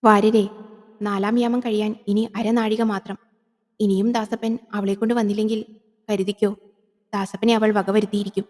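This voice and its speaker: A woman's voice: mid-range voice, flat delivery, moderate pace, a little mellow, long reverb tail, lightly acted. A woman voicing a stern old priest, grave and commanding. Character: stern older male ritual priest.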